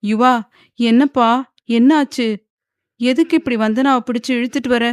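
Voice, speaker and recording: A woman's voice: a little high, steady tone, normal speed, smooth, dry recording, clean studio sound, pitched above the performer's own voice, lightly acted. A woman voicing an older mother who questions her son in a raised, demanding voice. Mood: bewildered. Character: older mother, bewildered and stern.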